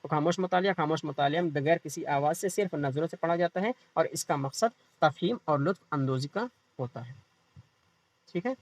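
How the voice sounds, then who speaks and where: A man's voice: a little high, dry recording. A man teaching an exam-prep class, explaining by asking and answering his own questions, while feeling unwell. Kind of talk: online exam-prep lecture.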